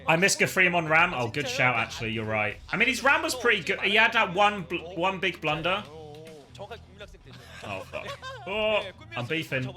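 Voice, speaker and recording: A man's voice: high voice, lively intonation, fairly quick, few pauses, over music. A man in his thirties co-streaming an esports match, rambling and correcting himself as he talks to chat. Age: 30s. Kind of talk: casual livestream commentary.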